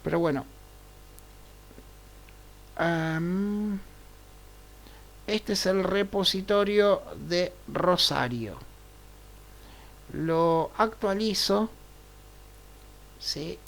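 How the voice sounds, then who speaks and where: A man's voice: high voice, gravelly, fairly bright tone. A man teaching a programming class online, thinking aloud as he works through code and often checking in with his students. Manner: unhurried, checks in with frequent "right?" tags. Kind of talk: live online class, thinking aloud over screen share.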